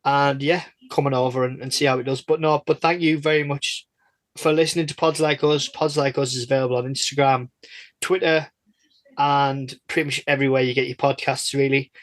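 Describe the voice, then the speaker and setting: The guest host of a podcast, a man, conducts a casual interview full of rambling jokes and self-deprecation. His mid-range voice moves fairly quickly and keeps a mostly even intonation.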